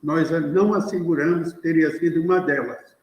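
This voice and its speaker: A man serving as expert witness, answering questions in a hesitant, measured way over a video call. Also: a little high, fairly even intonation, darkish tone, very echoey, big-room sound, rough recording.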